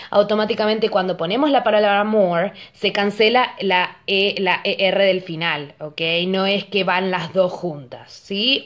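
Patient bilingual woman teaching grammar. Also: medium pitch. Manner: patient, explains slowly, often checks with "ok?". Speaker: English teacher.

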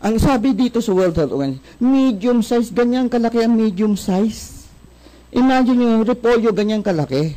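A Filipino man with a notably high voice and very lively, swooping intonation leads a seminar for a live audience. He quizzes the room, answers his own questions and drops in jokes. English phrases run through his talk. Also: moderate pace, rough recording. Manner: asks the audience questions and answers them himself, joking, mixes English in. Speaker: product presenter.

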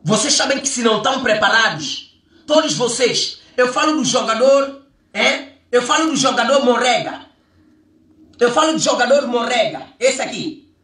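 Man, high and bright voice, mocking rant, far from the mic. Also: moderate pace. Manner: emphatic, mocking, repeats rhetorical questions. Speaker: vlogger. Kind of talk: ranting monologue. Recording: echoey room, far from the mic.

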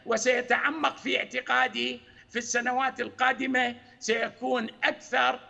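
A male economics expert joining a news panel from afar, making his case in a lecturing, argumentative way. His voice sits high, gravelly and sharply bright. The line is dull and carries a long, hall-like echo. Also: flat delivery, moderate pace. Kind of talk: analytical commentary.

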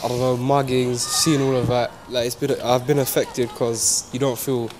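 A teenage boy speaks hesitantly, full of fillers, at an average pitch. He is recorded outdoors in the street. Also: little pitch movement, normal speed. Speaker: interviewee.

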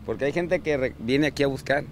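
A man's voice: mid-range voice, a little fast, slight background noise. A man, a street fish vendor, talking casually in an interview and rambling with many fillers and restarts. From Mexico.

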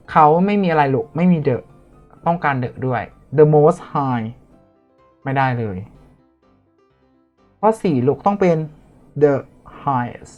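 A man tutoring students in a chatty, playful way, talking through each answer and correcting his own slips. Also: fairly high pitch. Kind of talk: online tutoring lesson. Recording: dull lo-fi audio with faint music.

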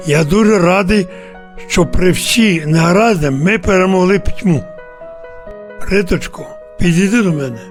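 A man voicing a kind, wise old grandfather in an audio fairy tale, speaking in a warm, ceremonious way. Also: high voice, normal speed, soft background music, natural voice.

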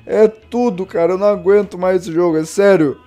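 A young man with a Brazilian Portuguese accent giving let's-play commentary, raging and frustrated, swinging between muttering and shouting. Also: high voice, fairly even intonation, a little fast. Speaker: gaming youtuber.

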